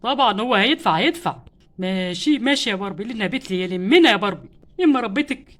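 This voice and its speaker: A woman's voice: mid-range voice, lively intonation, fast, fairly bright tone, close to an everyday voice. A woman voicing a stingy, complaining husband doll in a doll play story, with an Egyptian Arabic accent. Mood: grumbling. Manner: complaining, exasperated about money. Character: stingy grumbling husband doll, adult man.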